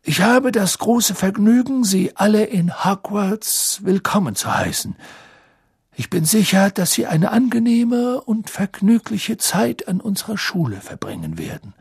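A man voicing an elderly male headmaster who gives a slow, ceremonious welcome in a husky voice, raised high. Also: sing-song, darkish tone, no room sound, clean studio sound, full character voice. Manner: slow, stately welcoming address.

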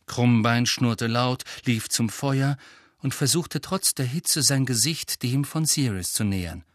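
A man reading an audiobook in a lively way, voicing each character. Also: medium pitch, measured pace, dry recording, clean studio sound. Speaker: audiobook narrator. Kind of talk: scripted audiobook narration.

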